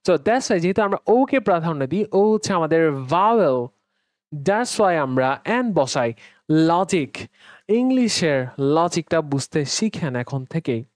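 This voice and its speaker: A man's voice: a little high, very animated, no room sound. Man teaching English pronunciation, dry sound. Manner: drills pronunciation, repeating letters slowly; mixes English words into explanations, asks and answers own questions. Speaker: English grammar instructor. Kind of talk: classroom lecture.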